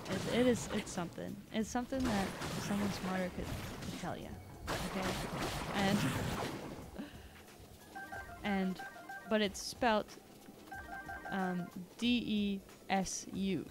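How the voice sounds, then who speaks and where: A woman's voice: medium pitch, slow, long pauses. A woman from Canada chatting casually while streaming a video game, rambling and laughing often. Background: video game music.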